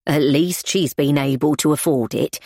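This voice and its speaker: A woman voicing a stern, sensible housekeeper who talks in a proper, measured, gently corrective way. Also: low-pitched, vocal fry, no echo, studio quality. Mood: firm, sensible. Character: stern middle-aged housekeeper, prim and sensible.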